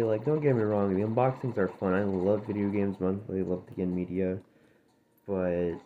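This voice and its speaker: Over gameplay on his channel, a man with a fairly low, gravelly voice, dry from just waking up, rambles casually, drifts between subjects and corrects himself. A phone screen recorder captures him, sounding tinny with faint background noise.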